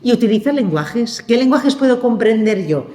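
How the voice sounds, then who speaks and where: A woman from lectures on spirituality with a very lively, swooping pitch, often doubling words and asking her listeners questions. Her voice rings through a large, echoey lecture hall with a long reverb tail. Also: moderate pace. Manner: animated, repeats words, asks listeners questions. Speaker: speaker at a theology week for lay people.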